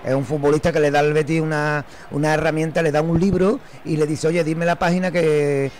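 A man giving conversational football punditry on radio, halting and repeating himself. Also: a little high, level tone, darkish tone, slight background noise. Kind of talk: conversational live radio commentary.

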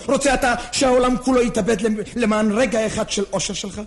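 Anxiously pleading, an actor in a theatrical drama portrays an earnest, nervous man who rambles and laughs uneasily. His full character voice is very high yet fairly even in intonation, creaky and slightly rough.

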